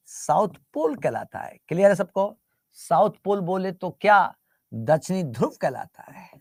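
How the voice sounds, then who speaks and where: A man's voice: sits high, dry recording, studio quality. A male teacher lecturing a class, repeating terms and constantly asking the students to answer back. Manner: repetitive call-and-response questioning; teasing, mixes English terms into Hindi.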